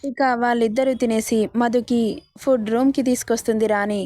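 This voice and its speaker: A woman's voice: a little high, steady tone, moderate pace, mellow, no echo, studio quality. A woman narrating a dramatic story and reading all the characters' lines in her own voice.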